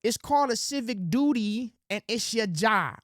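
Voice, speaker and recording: A high-pitched, animated man talks at normal speed in a dry, close recording. In his direct-to-camera political monologue he preaches in street slang to ladies and gentlemen, then turns soft and sweet-talking to act out quotes.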